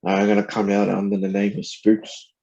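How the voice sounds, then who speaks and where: A male rapper chatting casually as a podcast guest. His voice is lowish, soft-edged and mellow, with very little rise and fall, and his manner is relaxed and slangy. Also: normal speed, highs cut off. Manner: laid-back, slangy, loosely phrased. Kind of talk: casual chat.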